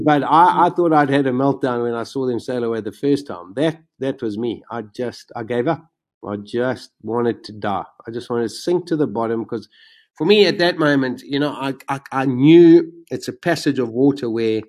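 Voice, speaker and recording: A man telling his own survival story in conversation, animated and vivid, his voice jumping up when he relives the excitement. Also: mid-range voice. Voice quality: self-described macabre sense of humor.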